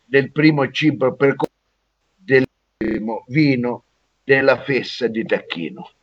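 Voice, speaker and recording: A man's voice: mid-range voice, a little slow, no echo. A man putting on a boastful police inspector calling in over a phone line, pompous and muddling his words. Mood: self-important. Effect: heard over a phone line. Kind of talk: comedy radio sketch.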